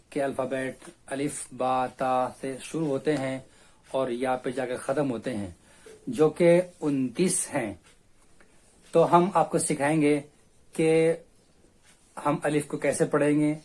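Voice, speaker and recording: A man giving a spoken lesson at a slow, deliberate pace, saying each letter again and again so learners can follow. His voice sits a little higher than most men's. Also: darkish tone. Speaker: teacher.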